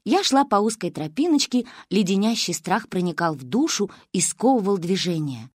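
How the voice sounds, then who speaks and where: A woman narrating an audiobook in a lively, expressive storytelling manner. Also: mid-range voice, normal speed, no room sound, studio quality.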